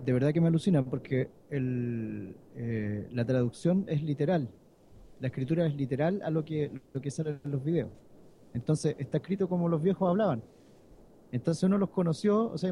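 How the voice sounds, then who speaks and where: A man's voice: mid-range voice, mellow, slight background noise, poor audio. A Chilean man co-hosting a podcast, talking enthusiastically in casual chat with frequent restarts. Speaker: podcast co-host.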